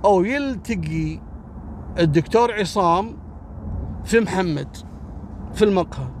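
A man narrating a crime story casually and dramatically, with a high-pitched voice. He speaks straight to the listener, and faint vehicle noise sits behind him. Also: measured pace. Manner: animated, dramatic, addresses the listener.

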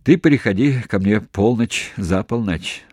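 A man doing a hoarse, beaten prisoner. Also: unhurried, no echo, studio quality. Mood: friendly. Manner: quiet, low, barely moving lips. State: hoarse and weak. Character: beaten male battalion commander prisoner, stubborn.

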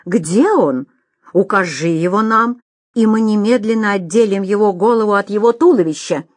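A woman's voice: medium pitch, moderate pace, no room sound, close to an everyday voice. Woman playing an imperious ruler. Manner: commanding, pompous. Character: imperious pompous male ruler.

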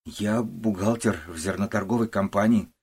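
A man plays a timid young bookkeeper in a storybook reading, polite and soft-spoken, close to the reader's own low, husky voice. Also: steady tone, moderate pace. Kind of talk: audiobook character voice.

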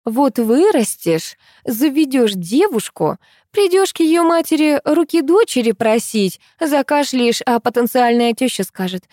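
A woman's voice: high voice, big pitch swings, unhurried, darkish tone, no room sound, voice pushed up. A fussy doting mother frets and laments without stopping, in a raised voice, as a woman reader puts her on. The reading sounds dry and close. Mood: fretful. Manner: fretful, lamenting, nonstop. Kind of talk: audiobook reading.

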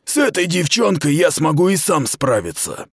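A stern, coldly patronizing military commander in an audiobook, as a male reader voices him. His clipped, dry lines come in a raised voice with lively swings of pitch. The recording is close and dry. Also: moderate pace, slightly rough, dry recording, exaggerated voice.

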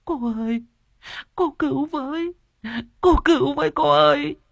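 A man voicing a frantic middle-aged village woman who begs through tears in a shrill wail. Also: a little slow, gravelly, no echo, studio quality, heavily acted. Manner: shrill wailing pleas. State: crying.

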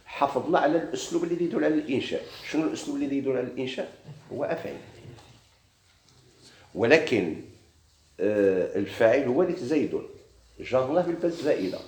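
A man's voice: mid-range voice, lively intonation, fast, long pauses, a little mellow, reverberant. A man with a Moroccan Arabic accent teaching a grammar lesson, explaining step by step and quizzing his students with questions. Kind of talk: classroom lesson.

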